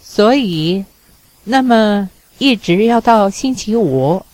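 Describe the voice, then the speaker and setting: A woman reading a smooth-talking bachelor on the phone. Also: mid-range voice, animated, slow, a little mellow, no echo. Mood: coaxing. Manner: coaxing then firm.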